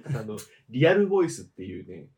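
Animated man chatting in speech. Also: fast talker. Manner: animated, breaks into off-key high singing. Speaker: podcast co-host. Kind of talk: casual chat.

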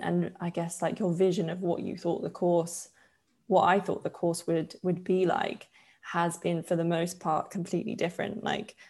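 A woman in her twenties from Poland, talking as a podcast guest. Her voice sits low, with a gravelly fry and a dark, mellow tone. She chats loosely, full of fillers and easy laughter. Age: 20s. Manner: relaxed, chatty, laughs often, many fillers. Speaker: podcast guest, yoga teacher. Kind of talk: casual interview chat.

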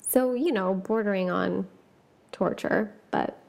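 A woman's voice: mid-range voice, slow, gravelly, darkish tone. A woman hosting a chatty podcast, talking casually with lots of fillers and asides and reading ghost stories aloud. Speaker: podcast host.

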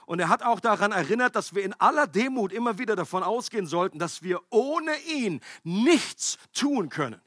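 Male preacher, high and slightly husky, dry close sound; emphatic, chatty sermon delivery. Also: moderate pace, few pauses, no room sound. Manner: conversational, emphatic preaching with animated acted-out quotes.

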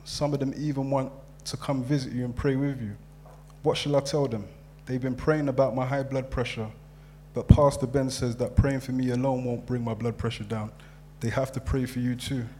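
A man's voice: medium pitch, flat delivery, moderate pace, a little mellow, slight background noise, lightly acted. A man reading as an anxious churchgoing mother. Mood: pleading. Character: worried mother writing to jailed son. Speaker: reader of letters. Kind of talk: dramatic reading of letters.

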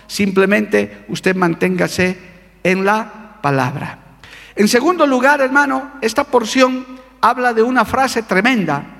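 A man's voice: sits high, a bit bright, long reverb tail. A male pastor preaching a fervent sermon, calling out to his congregation for amens. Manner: fervent preaching with call-and-response.

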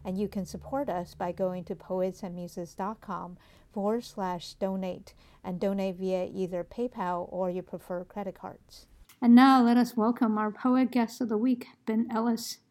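A woman's voice: mid-range voice, level tone, unhurried. A woman hosting a poetry podcast, reading announcements and asking questions attentively. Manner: attentive, soft listening murmurs. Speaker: podcast host.

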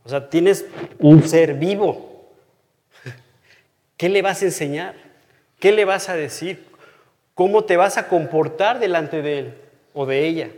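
A man's voice: on the high side, slow, pauses often. A man, in his thirties or older, teaching from the Bible in a personal, conversational way. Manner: earnest and personal, drops to a hush on key phrases. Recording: long hall reverb.

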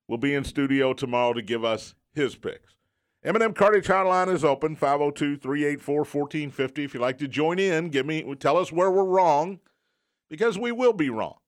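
A man hosting sports talk radio from a studio, reading promos and chatting in an emphatic announcer style with joking asides. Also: fairly high pitch. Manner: joking, self-deprecating. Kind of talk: sports talk radio with live sponsor reads.

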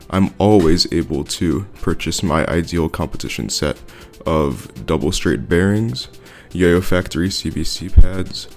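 A man hosting a podcast, reading scripted sponsor announcements in a steady, informative way. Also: a bass voice, gravelly. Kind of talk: scripted ad read.

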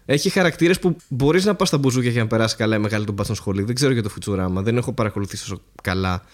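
A man co-hosting a podcast, talking in a laid-back, wry, hesitant way. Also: on the low side. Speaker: podcast co-host. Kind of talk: casual chat.

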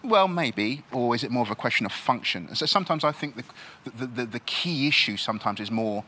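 Bright-voiced man, thoughtful and halting. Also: medium pitch, lively intonation, a little hiss or hum. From born in Nigeria, grew up in this country. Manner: thoughtful, halting with many restarts and fillers. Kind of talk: reflective panel discussion.

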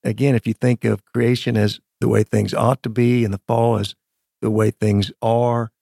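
A man explaining theology as a guest teacher, in measured phrases with emphatic pauses. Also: mid-range voice, flat delivery, creaky, warm tone, no echo, clean studio sound. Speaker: guest Bible scholar. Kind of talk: explanatory theological interview talk.

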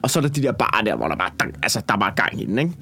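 A man, a stand-up comedian telling a story in casual conversation and swearing a lot. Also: lowish voice. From Copenhagen. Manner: swears a lot, heated and animated when retelling.

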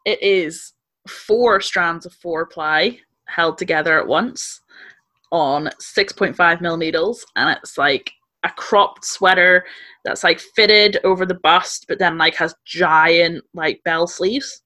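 A woman co-hosting a podcast over a video call from her flat, chatting in a detailed, laughing way. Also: fairly low pitch, slow. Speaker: podcast co-host. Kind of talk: casual chat. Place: main room of a flat at night.

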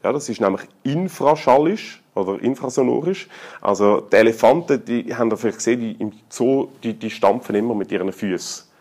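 This sermon comes from a middle-aged man with a Swiss German accent who preaches informally and with humor, moving between loud calls and intimate whispers. He is expressive, somewhat fast, and pitched in the middle range.

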